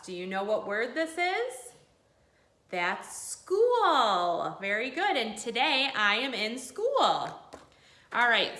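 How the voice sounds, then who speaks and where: Slow, bright woman teacher, kids show host style. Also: on the high side, roomy sound. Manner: encouraging sing-song teacher talk to young children, with pauses for answers. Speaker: early grade school teacher leading a remote morning class. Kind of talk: children's lesson, kids show host delivery. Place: indoors at a school.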